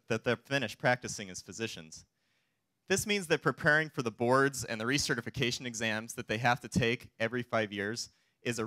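Man giving a confident, bright startup pitch. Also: dry recording. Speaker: startup chief executive pitching investors. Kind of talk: rehearsed investor pitch. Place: theater stage, indoors.

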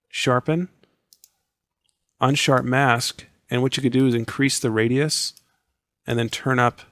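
Casual tutorial narrator, male, mid-pitched, scratchy and hoarse, close dry sound. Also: fairly bright tone, dry recording. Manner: casual, step-by-step explaining. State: hoarse, losing his voice. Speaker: software tutorial instructor. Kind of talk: screen-recorded tutorial voice-over.

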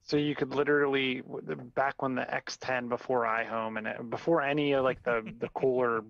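A man in his forties co-hosting a podcast from a home office over a video call, chatting in a relaxed, meandering way. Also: mid-range voice, brisk, vocal fry, no echo. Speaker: podcast co-host. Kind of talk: casual chat. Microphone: remote video call. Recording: dull lo-fi call audio.

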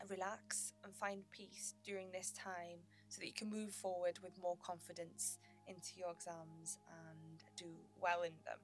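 Soothing woman guiding a meditation over music. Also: medium pitch. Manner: soothing, gentle sleep-story style delivery with pauses. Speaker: guided meditation host. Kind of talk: guided meditation narration.

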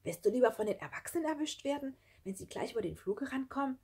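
A woman's voice: a little high, measured pace, darkish tone, breathy edge, voice pushed up. A woman voicing a bold, bossy boy who leads the other children, speaking urgently and pushing them along. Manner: urgent, pushy.

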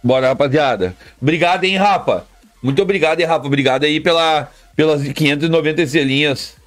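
A man's voice: on the high side, quick pace, faint music behind. A man live streaming, chatting casually and repetitively with his viewers in slang. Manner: slangy, repetitive, talks straight to chat.

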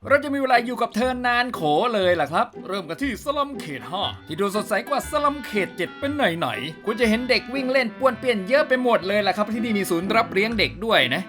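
A man's voice: high-pitched, big pitch swings, fast talker, hardly any pauses. A man doing a comedic game review voice-over, cheeky and slangy, with game music behind him. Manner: playful, cheeky, slangy joking.

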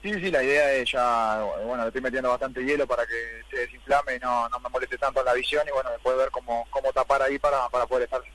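Young uruguayan player guy, post match interview, talks fast, repeats little words. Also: mid-range voice, fairly even intonation, a bit bright, low-quality recording. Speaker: footballer being interviewed.

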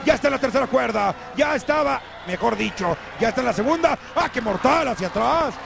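A Mexican male wrestling commentator with a very high, gravelly voice. He calls the action playfully, with repeated exclamations. The old TV recording is clearly noisy. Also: lively intonation, a little fast. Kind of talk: excited play-by-play commentary. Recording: noisy old TV tape from arena.

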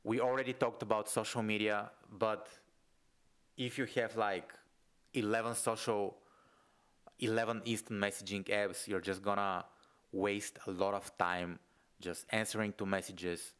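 A man's voice: on the low side, flat delivery, unhurried, fairly bright tone, clean tone. A young man from Bulgaria with a Bulgarian accent, giving a casual video lesson in a loose, conversational way, filled with "like". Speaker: entrepreneur and online business coach. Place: home room, indoors. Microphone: studio mic close in front of face.

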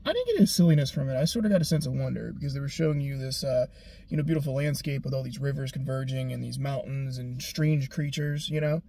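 A man's voice: medium pitch, expressive, quick pace, creaky, warm tone. A man co-hosting a casual movie review, wry and dryly sarcastic, with faint ambient noise behind him. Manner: wry, dry sarcasm, brief interjections. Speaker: co-host. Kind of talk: casual conversational film review.

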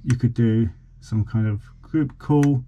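Demonstrating a boat radio for his vlog, a man in his forties speaks slowly in a warm, medium-pitched voice, informal and slightly unsure. The highs are cut off, and background noise is clearly present.

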